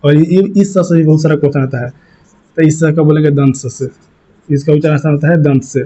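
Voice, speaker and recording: A man teaches an exam grammar lesson, drilling each point and quizzing the class. His voice sits a little high but sounds mellow and soft-edged. The recording is muffled and lo-fi. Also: fairly even intonation, fast.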